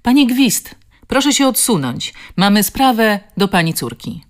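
A woman's voice: medium pitch, big pitch swings, a little slow, voice pushed up. Audiobook cop, a man, firm and by-the-book, official tone; woman narrator playing him. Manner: formal, firm.

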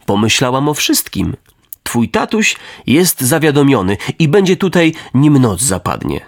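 A man voicing a kind, gentle fairy woman in a storybook reading. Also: mid-range voice, sing-song, unhurried.

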